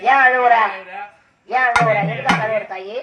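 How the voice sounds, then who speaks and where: A man leading a temple ritual, coaxing a possessed devotee with repeated questions and sudden shouted calls. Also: very high-pitched, steady tone, normal speed, over a noisy crowd. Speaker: temple ritual drummer and officiant. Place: temple festival. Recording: echoey, distant mic. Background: drums and music.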